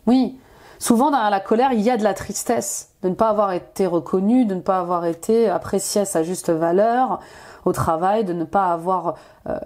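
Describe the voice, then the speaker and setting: French lady doing a tarot reading to camera, mellow low-key tone, lots of euh and restarts. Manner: earnest, many fillers and restarts, speaks straight to viewers. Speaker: intuitive life coach, tarot reader.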